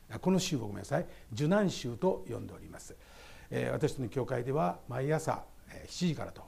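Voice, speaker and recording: A man preaching a sermon as pastor, measured and formal, with fillers and pauses. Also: mid-range voice, creaky, mellow, slightly rough. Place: church sanctuary.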